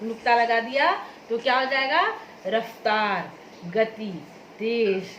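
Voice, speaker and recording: A woman teacher giving a grammar lesson, patient, repeating key words and asking if it is clear. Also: high-pitched, a bit bright, echoey room, slight background noise, poor audio. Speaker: school teacher. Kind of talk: classroom Hindi grammar lesson.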